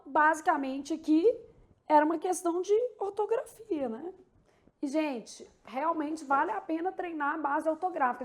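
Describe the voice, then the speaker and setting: Speaking in a voice that sits high, a woman with a Brazilian Portuguese accent teaches an exam-prep Portuguese lesson. She explains things step by step, checking in with "tá?" and "né?".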